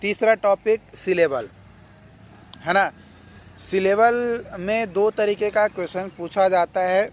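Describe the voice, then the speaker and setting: A male coaching teacher speaks in a fairly high voice, talking students through exam preparation. He is casual and encouraging and keeps repeating each point. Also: takes it slowly. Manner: repeats key points, coaxing "yaar" and "theek hai". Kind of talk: casual exam advice lesson.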